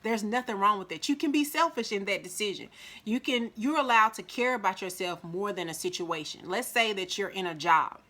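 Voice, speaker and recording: Woman, Mississippi accent, bright tense voice, chatty advice vlog, acts out quoted voices. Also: medium pitch, fairly quick. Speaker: vlogger giving life advice. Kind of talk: casual motivational talk to camera.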